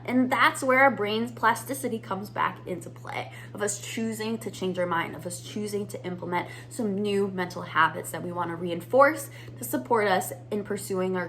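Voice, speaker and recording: A woman from the United States coaches business owners on mindset, addressing viewers as "you guys" in an upbeat, conversational lesson to camera. Her mid-range voice is a bit bright, and a little hiss or hum can be heard.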